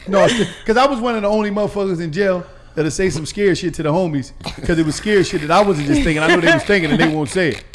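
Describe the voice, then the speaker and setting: A man hosting a podcast, telling a story in casual chat, animated and laughing, acting out his own scared voice. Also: sits high, quick pace, hardly any pauses. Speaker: podcast host.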